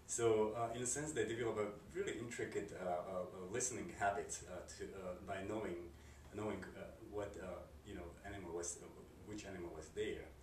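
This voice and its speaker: A man from Slovakia with a Slovak accent, a composer answering interview questions in a halting way, with many fillers and restarts. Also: deep voice, fairly even intonation. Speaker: composer and curator. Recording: roomy, distant mic, noisy background.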